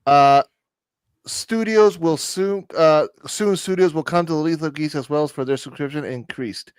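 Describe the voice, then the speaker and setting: Teasing man in his forties, slightly high. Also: moderate pace, clear, resonant tone, dry recording. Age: 40s. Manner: teasing, swears freely. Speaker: podcast host. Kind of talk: casual podcast chat.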